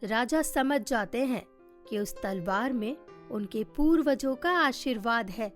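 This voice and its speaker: Woman narrator, high and unhurried, scripted cartoon narration, faint music behind. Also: lively intonation. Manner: measured storytelling.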